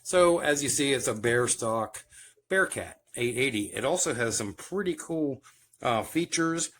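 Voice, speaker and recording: Hosting a home video, a man walks through CB radio equipment in a relaxed, hands-on way while sitting by his base station at home. He speaks at medium pitch, expressively and without hurry, with a slightly bright tone. Background noise and clicks come through clearly.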